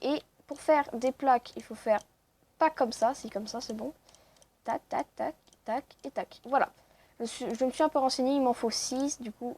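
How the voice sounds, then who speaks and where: A woman with a high-pitched voice narrates her game as she plays. She talks casually, mocks herself and fills pauses with quick asides. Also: darkish tone, slightly rough. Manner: chatty, self-mocking, lots of "voilà" fillers. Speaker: let's play host. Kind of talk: casual gaming commentary.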